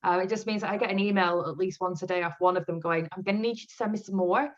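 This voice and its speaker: A woman's voice: on the low side, quick pace, muffled recording. A woman author chatting in an interview, telling stories with frequent laughter. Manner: laughs often, animated storytelling. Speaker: author guest. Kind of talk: casual interview chat.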